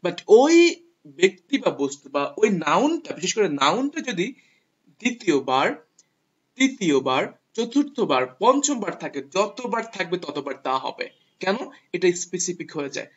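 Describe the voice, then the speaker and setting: A man's voice: sits high, sing-song, a little slow, slightly rough. Patient man teaching grammar, lo-fi sound. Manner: patient, repeats rules step by step. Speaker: English teacher. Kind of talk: explaining grammar to viewers. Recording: dull lo-fi sound.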